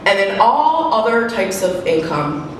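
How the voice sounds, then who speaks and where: A woman with a head cold, sounding slightly muffled and sniffly, explains technical material in a halting professional presentation. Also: mid-range voice, sing-song. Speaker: senior tax manager presenting. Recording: very echoey room, distant mic, noisy.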